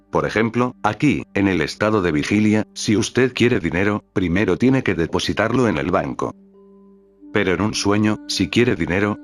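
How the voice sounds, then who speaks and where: Low-voiced man reading spiritual teachings. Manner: calm, measured reading that voices questions and stage directions. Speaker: reader of a spiritual teacher's talks. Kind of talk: read-aloud spiritual teaching. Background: faint background music.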